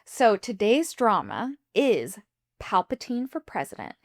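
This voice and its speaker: A young woman telling a story in casual podcast chat, her pitch swinging widely as she talks. She speaks in a mid-range voice and leans on fillers like "like" and "um." The delivery is loose and conversational. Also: very animated, a little slow. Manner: chatty storyteller, frequent fillers and "like".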